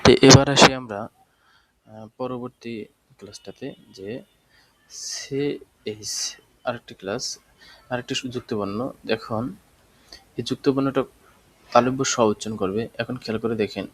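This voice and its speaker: A man's voice: mid-range voice, moderate pace, pauses often, a bit bright, low-quality recording. A man teaching a language class, explaining step by step and answering his own questions. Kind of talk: spoken language lesson.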